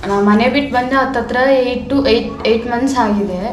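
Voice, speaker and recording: A woman with a Kannada accent, chatting casually and softly on a home vlog with short replies. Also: a little high, normal speed. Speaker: vlogger's partner. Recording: echoey room with people around.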